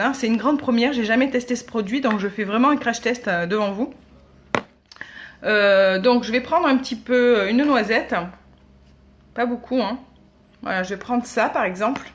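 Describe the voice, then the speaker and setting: Beauty vlogger lady, bit high voice, lots of euhs. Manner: chatty, hesitant with many fillers. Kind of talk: casual product demo.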